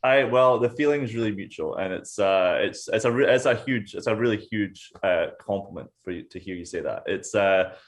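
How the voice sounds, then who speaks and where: A young man who grew up in Scotland, with a slightly low voice. He talks about himself casually and haltingly, restarting sentences and leaning on "like" as he goes. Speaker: singer, guest. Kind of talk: casual interview.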